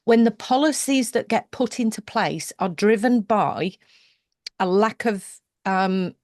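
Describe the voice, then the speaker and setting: A woman's voice: mid-range voice, slow pace, a little mellow, dry recording, clean studio sound. British woman hosting a thoughtful interview. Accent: British English. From United Kingdom. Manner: thoughtful, circling back with restarts and asides. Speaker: podcast host. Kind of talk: conversational interview.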